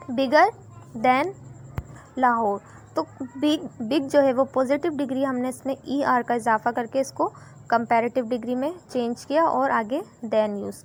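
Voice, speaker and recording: High-voiced Pakistani woman teaching grammar. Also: a little hiss or hum. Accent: Pakistani Urdu. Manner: slow, careful reading of English examples, then explaining in Urdu-Hindi. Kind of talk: recorded grammar lesson.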